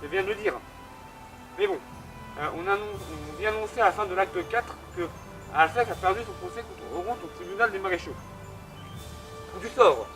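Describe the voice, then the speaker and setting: Over clear background music, a young host walks through a literature topic in a casual way, cracking self-mocking jokes and hesitating often. His high-pitched, animated voice moves at a normal pace with frequent pauses, and the audio quality is poor.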